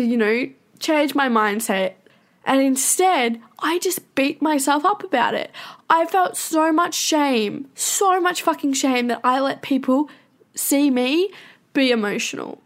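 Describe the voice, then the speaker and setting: A young woman speaking candidly in a personal confessional monologue, swearing often and talking in fast bursts. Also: high voice.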